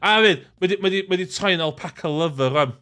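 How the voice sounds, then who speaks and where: A man's voice: a little high, fast talker, pushed and bright, smooth, faint music behind. A man with a North Wales accent reading a visual novel aloud, mixing in casual, jokey banter. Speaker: gaming video host.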